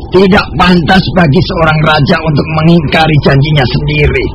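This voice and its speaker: A man's voice: fairly high pitch, fairly even intonation, moderate pace, highs cut off, background noise, lightly acted. A man playing a humble, earnest royal soldier, formal and deferential, in an Indonesian radio drama. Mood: reassuring. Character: humble, reassuring royal soldier addressing a princess.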